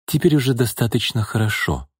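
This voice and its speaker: A man voicing a calm, firm young woman who stands her ground coolly. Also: on the high side, moderate pace, breathy edge, dry recording, studio quality, voice pushed up. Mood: stern. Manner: cool, stern, composed.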